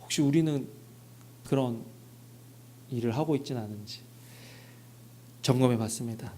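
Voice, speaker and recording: A pastor delivers a Sunday sermon in a church sanctuary, his mid-range voice warm with a breathy edge and moving at a moderate pace. He poses rhetorical questions to the congregation and acts out short snippets of dialogue.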